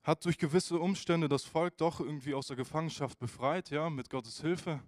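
A man preaching a casual youth sermon, informal and animated, who speaks straight to his listeners. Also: mid-range voice, no room sound, studio quality.

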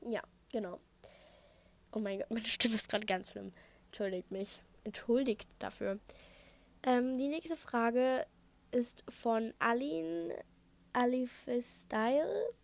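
Teen girl from Saxony, podcast host, casual chat, rambling, filler-heavy, headset mic, fairly high voice. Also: slow, creaky, long pauses. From Saxony, Germany. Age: teenager, thirteen and a half. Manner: chatty, rambling, wanders off topic with many fillers. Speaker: podcast host answering listener questions. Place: at home, construction noise outside. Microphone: Apple headset.

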